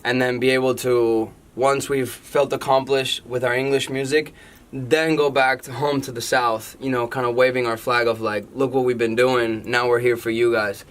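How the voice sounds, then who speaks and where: A man's voice: mid-range voice, flat delivery, normal speed, a bit bright. A man from Argentina, a band member chatting playfully in a radio interview. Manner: playful, joking. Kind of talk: casual interview chat.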